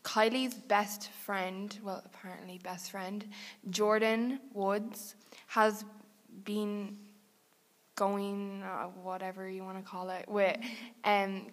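A young woman talking on a casual podcast chat, in a hesitant, halting way. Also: mid-range voice, little pitch movement. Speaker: podcast co-host.

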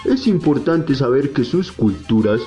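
A man's voice: mid-range voice, lively intonation, unhurried, warm tone, soft background music, lightly acted. Man voicing a jolly talking tree, swooping Colombian storyteller. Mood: delighted. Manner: folksy, jolly, didactic storyteller addressing children. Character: kindly, wise old talking tree, teacher to children. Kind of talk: children's educational storytelling.

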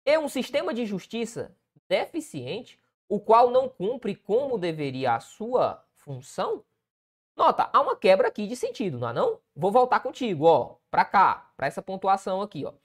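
Lively Brazilian teacher checking in often. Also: male voice, high voice, moderate pace. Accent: Brazilian Portuguese. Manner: keeps checking in with the listener and pointing things out. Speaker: essay-writing teacher. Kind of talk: correcting a student essay aloud.

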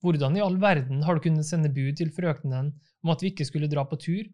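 A man's voice: fairly high pitch, a little mellow, lightly acted. A man reading the part of a frail, sickly painter who is irritable and strains his voice.

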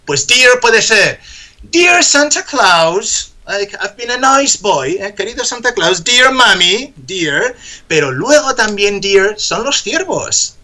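A man's voice: high-pitched, lively intonation, takes it slowly, sharp tone. A man hosting a live radio show, joking playfully as he teaches English words.

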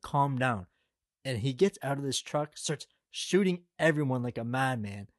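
A man's voice: mid-range voice, no echo. Rambling young man, dry close sound. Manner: rambling, exasperated, heavy filler words. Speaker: commentator. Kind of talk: casual spoken review.

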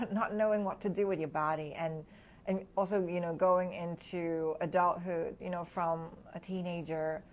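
Soft-spoken reflective woman, lower voice. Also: fairly even intonation, moderate pace. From Hong Kong. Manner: soft-spoken, reflective, laughs between thoughts. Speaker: guest. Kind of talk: candid personal interview.

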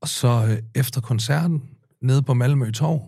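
A man's voice: medium pitch, gravelly, dark tone, dry recording, clean studio sound. A man in his forties, a podcast guest, telling a rambling anecdote casually, swearing often and full of fillers. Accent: Danish. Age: 40s. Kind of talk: casual storytelling.

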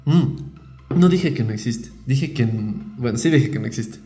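A man's voice: mid-range voice, animated, moderate pace, dark tone, soft background music. A young man, chatting casually with friends as a podcast co-host, joking and rambling in slangy speech. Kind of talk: casual chat among friends. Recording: roomy echoey room.

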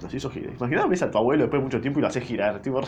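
A man's voice: mid-range voice, expressive, very fast, dull audio, slight background noise. A young man with a Rioplatense accent reading a novel aloud, breaking off often for crude, swearing jokes and bursts of laughter. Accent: Rioplatense Spanish. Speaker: reader.

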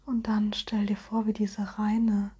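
A woman guiding a relaxation hypnosis in a soft, soothing, airy spa whisper with gentle suggestions. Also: medium pitch, completely flat delivery, slow, breathy edge. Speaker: hypnosis guide.

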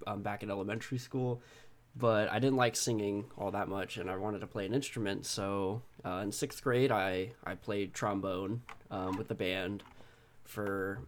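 Low-pitched young man chatting casually. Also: fairly even intonation, normal speed. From Texas, United States. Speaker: podcast co-host. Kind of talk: casual personal storytelling.

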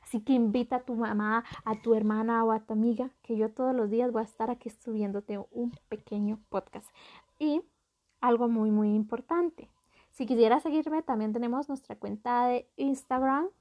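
A woman's voice: on the high side, steady tone, moderate pace, darkish tone, highs cut off. A woman hosting a motivational podcast, talking straight to the listener as a friend and repeating phrases for emphasis. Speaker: podcast host.

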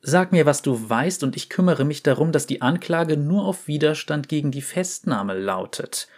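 Here a man at a normal pace, his voice fairly high and animated, performs a story dramatically. His character is a brash female enforcer given to violence, and he delivers her mocking threats with taunting cockiness.

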